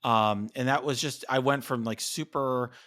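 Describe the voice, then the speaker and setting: A man's voice: medium pitch, steady tone, normal speed, a bit bright. A man co-hosting a podcast, talking casually with many fillers and restarts, a little out of breath after a workout. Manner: chatty, lots of fillers and restarts. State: slightly out of breath. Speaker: podcast co-host. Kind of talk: casual conversation.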